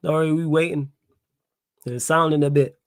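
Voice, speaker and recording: A young man with a strong Manchester accent reads his live chat aloud and answers it indignantly, repeating the same phrases over and over. His voice is slightly high for a man, with a steady tone and normal speed. The recording is dry and close, with no echo or room sound.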